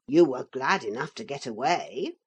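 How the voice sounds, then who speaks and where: Voicing a small wooden figure brought to life, a woman with a husky bass voice reads from a storybook at normal speed, animated and heavily acted. The character is calm and wise, patiently explaining things in a plain, matter-of-fact way.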